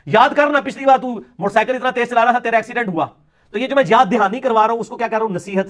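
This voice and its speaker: A very high-pitched man with a fairly bright tone gives a polemical religious lecture. Sarcastic and mocking, he takes aim at his opponents and drops into Punjabi quips along the way.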